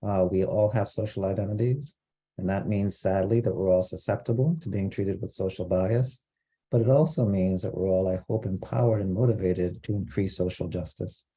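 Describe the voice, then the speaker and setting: A man from Costa Rica giving an online training lecture, explaining terms in a measured way with frequent fillers. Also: sits low, fairly even intonation, dark tone, breathy edge. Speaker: diversity trainer.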